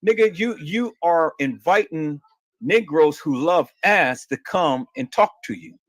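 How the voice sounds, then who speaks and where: Man ranting crudely in a rambling monologue, voice on the high side, dry and close. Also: expressive, unhurried, no room sound. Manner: crude, rambling, repeats words.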